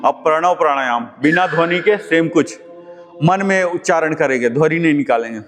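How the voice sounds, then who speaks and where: A man's voice: on the high side, a little fast, a bit bright, faint music behind. A man teaching a yoga class, giving patient step-by-step instructions on breathing and chanting. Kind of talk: guiding a live yoga class.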